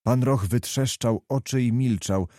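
Male audiobook narrator, measured and mellow. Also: mid-range voice, no room sound, studio quality. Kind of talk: scripted narration.

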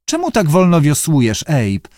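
A man's voice: on the high side, wildly swooping pitch, normal speed, darkish tone, no room sound, clean studio sound, pitched above the performer's own voice. A man voicing a pampered, demanding young actress in an audiobook, with a raised, petulant voice. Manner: petulant, bossy, whiny. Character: pampered, demanding young film starlet, woman.

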